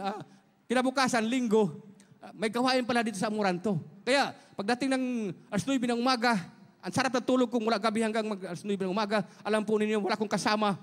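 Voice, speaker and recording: A man's voice: extremely high pitch, big-room sound. A middle-aged man from Surigao, Philippines, giving an emotional church testimony, earnestly addressing listeners as beloved. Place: large church hall.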